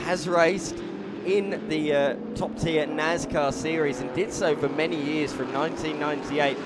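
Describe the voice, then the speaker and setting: A man's voice: on the high side, fairly even intonation, a little slow, over loud music. A man giving live motorsport commentary on a car race. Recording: loud car and engine noise behind. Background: race cars and trackside ambience.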